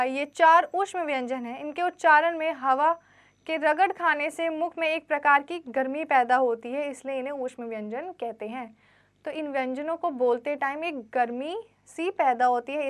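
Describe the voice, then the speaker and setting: Teaching children grammar, a woman with a high voice reads passages aloud from a textbook before explaining them again in plain terms. She stretches out letters as she recites them, asking quiz questions and supplying the answers on her own.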